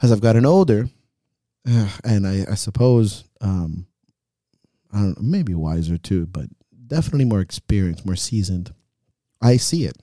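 A man's voice: fairly low pitch, expressive, measured pace, dark tone, dry recording, clean studio sound. A man hosting a podcast as a coach, talking in a frank, reflective way and swearing freely. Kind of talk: casual podcast chat.

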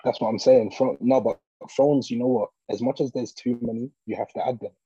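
A man's voice: mid-range voice, fairly even intonation, brisk, dark tone, breathy edge, no echo, highs cut off. A man with a London roadman accent bantering casually as a podcast co-host, agreeing emphatically and repeating words for emphasis. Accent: London, urban street slang. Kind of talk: casual banter about TV and film.

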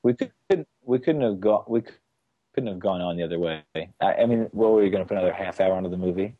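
Laid-back low-voiced man on a dull line. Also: quick pace, no echo. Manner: laid-back, laughs easily, agreeable. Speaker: podcast co-host. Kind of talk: casual movie-review podcast chat.

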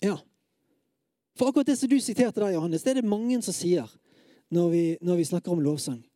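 A preacher giving a sermon who talks straight to the listeners with hesitant fillers, then reads scripture with dramatic, at times loud and pleading intensity. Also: medium pitch, lively intonation, dry recording, studio quality. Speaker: preacher at a worship gathering.

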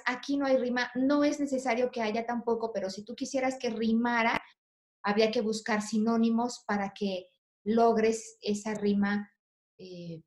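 A woman teaching a class, her voice sitting a little high. She explains patiently and encourages her students, echoing their words back as she goes. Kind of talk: online class feedback.

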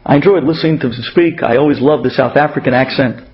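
A man's voice: medium pitch, fast talker. A man with a Brooklyn accent giving a religious sermon with stories, speaking emphatically and repeating key phrases. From Brooklyn, New York. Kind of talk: sermon with storytelling. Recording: dull, muffled lo-fi audio.

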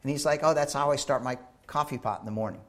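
A man giving a lively conference talk, animated and jokey, who keeps checking in with the audience. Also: mid-range voice, fast. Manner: jokey, banters with the crowd. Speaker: conference speaker.

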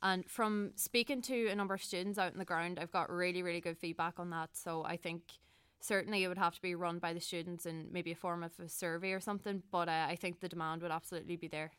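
Clear-voiced young Donegal Irish woman. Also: on the low side, steady tone, fast talker, few pauses, a bit bright, no room sound. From County Donegal, Ireland. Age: young adult. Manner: earnest, conversational, often self-correcting. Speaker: student election candidate. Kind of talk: informal interview answers.

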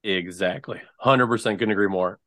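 Man, podcast guest, bright tone, slightly low voice, rambling, lots of fillers. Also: normal speed. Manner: chatty and rambling, many fillers and restarts. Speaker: trade news guest. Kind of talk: casual podcast chat.

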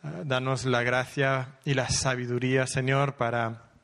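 A man leading a closing prayer slowly and solemnly at a conference. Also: mid-range voice, level tone, a bit bright. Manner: slow, solemn, deliberate. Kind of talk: public prayer.

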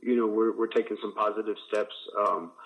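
A man from Indiana speaks as a guest on a radio broadcast. He talks in a halting, casual way, full of fillers and restarts, at an ordinary mid pitch. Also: little pitch movement, a bit bright, dull audio. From Indiana, USA. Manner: hesitant, many fillers and restarts. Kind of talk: casual interview answers.

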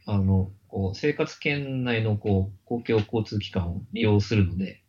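A middle-aged man answers politely in a low voice, pausing often with soft fillers. The sound is muffled and lo-fi. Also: slight background noise. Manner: polite, measured, many fillers. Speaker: guest. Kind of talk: casual conversational interview. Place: Kyoto.

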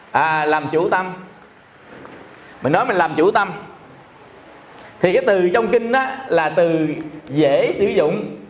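Male Buddhist teacher, Southern Vietnamese accent, high-pitched, repetitive explanatory sermon delivery. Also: highs cut off, a little hiss or hum. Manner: explains by repeating and asking listeners rhetorical questions. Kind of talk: dharma talk.

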